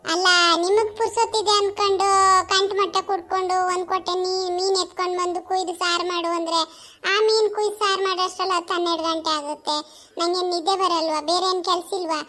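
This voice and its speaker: A woman's voice: very high-pitched, steady tone, fast talker, fairly bright tone. A woman playing a fed-up village wife, scolding and grumbling about her drunk husband. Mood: angry scolding. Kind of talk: comedy skit acting.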